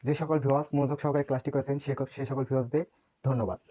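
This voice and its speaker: Language teacher, mellow voice, patient drilling, dull lo-fi recording. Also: medium pitch, fairly even intonation, racing, a little hiss or hum. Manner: patient, repeats each sound many times as a drill. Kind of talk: online language lesson.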